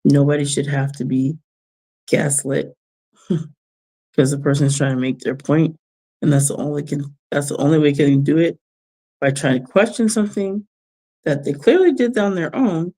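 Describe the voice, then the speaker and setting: A woman chatting casually on a livestream while doing a craft, giving gentle, reflective advice and chuckling often. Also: low-pitched, normal speed, long pauses. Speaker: vlogger giving life advice.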